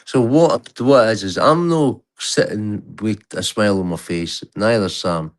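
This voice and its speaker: A Scottish man with a Glasgow street accent argues bluntly on a live stream, swearing freely in the heat of the dispute. His voice is lowish and unhurried.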